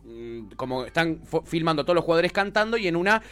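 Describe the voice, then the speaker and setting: A man's voice: a little high, very animated, quick pace, a bit bright, smooth. A man with an Argentine accent hosting a casual, joking radio chat and reading out listener messages. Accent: Argentine Spanish. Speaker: radio show host.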